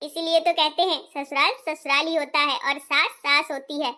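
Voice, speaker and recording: A woman's voice: sits high, flat delivery, moderate pace. A woman as a put-upon young bride. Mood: subdued. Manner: complaining, soft-spoken. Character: put-upon young daughter-in-law, sad and dutiful. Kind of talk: family skit acting.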